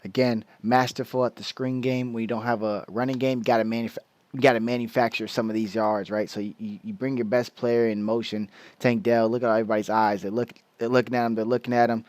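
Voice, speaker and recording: A man's voice: mid-range voice, little pitch movement, fast, darkish tone, no echo. Man breaking down football film, dry close sound. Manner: loose, slangy, restarts a lot while explaining plays. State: hiccups. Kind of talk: casual film breakdown commentary.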